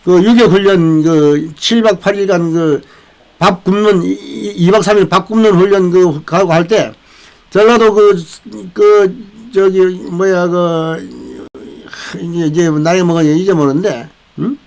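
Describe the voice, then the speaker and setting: A man's voice: high-pitched, fairly even intonation, unhurried, rough recording. An older man hosting a veterans' channel, giving a rambling political commentary with many restarts and tag questions. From South Korea.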